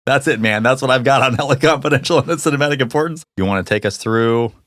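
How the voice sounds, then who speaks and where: A man co-hosting a casual film podcast debate, animated and quick to laugh, with some swearing. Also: mid-range voice, no room sound, clean studio sound. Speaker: podcast co-host.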